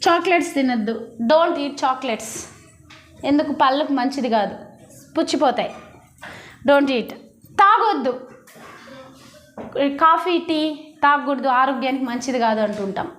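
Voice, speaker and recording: A woman's voice: high voice, animated, unhurried, pauses often, fairly bright tone, echoey room, slight background noise. A woman teaching a primary school class, coaxing the children to repeat after her. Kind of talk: classroom lesson.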